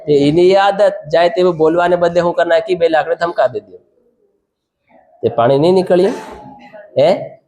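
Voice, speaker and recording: Pastor preaching in an echoey room. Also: male voice, high-pitched, a little mellow. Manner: calls out questions to the congregation and repeats phrases. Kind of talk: sermon.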